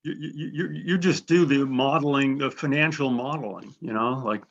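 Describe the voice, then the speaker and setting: A man coaching a candidate over a video call, blunt and direct, often stumbling over repeated words. His voice sits at an ordinary pitch. The call audio is dull and lo-fi. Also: moderate pace, fairly bright tone. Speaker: admissions consultant host. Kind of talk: webinar coaching interview.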